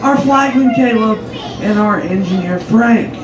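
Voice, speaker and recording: A man's voice: sits high, measured pace. A man working as tour guide and trainman, addressing passengers in a projected, ceremonious announcer's delivery. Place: aboard a train carriage. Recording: echoey, loud train noise.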